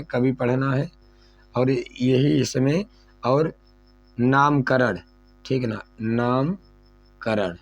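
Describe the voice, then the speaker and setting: A man's voice: medium pitch, darkish tone. Man teaching, asking and answering himself. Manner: repetitive, asks and answers own questions. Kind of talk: exam syllabus lesson.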